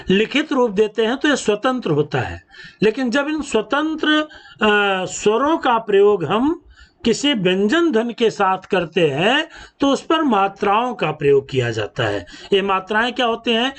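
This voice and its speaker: Slow, animated grammar teacher, male. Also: sits high. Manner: slow, drawn-out teaching delivery with stretched sounds. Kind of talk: classroom lesson.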